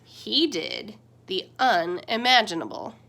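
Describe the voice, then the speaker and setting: A young adult woman with a gravelly voice reads slowly from a children's picture book, playing the teacher. She's gentle yet expressive, making big leaps in pitch and volume.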